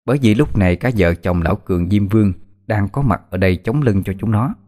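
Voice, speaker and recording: Low-voiced male storyteller. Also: a little fast, darkish tone. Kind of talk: narrating a dark folk tale.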